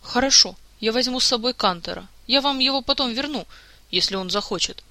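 A bitter, petulant young prince with a raised, piercing voice, as a man reading the story puts him on. He sulks and hurls accusations in a very bright, cutting tone. The sound is dry and close. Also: very high voice, a little fast, no echo, pitched above the performer's own voice, exaggerated voice. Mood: sullen. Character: sulking young male prince, drunk and bitter.

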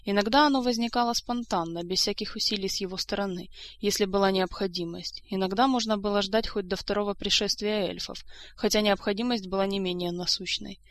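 A woman narrating an audiobook in a steady, even reading voice. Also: medium pitch, fairly quick. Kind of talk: scripted narration.

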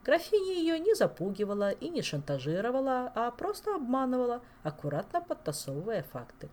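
A woman's voice: fairly high pitch, big pitch swings, fairly quick, a little mellow, slight background noise, pitched above the performer's own voice. A woman voicing a gloomy male investigator who speaks in a dry, matter-of-fact way.

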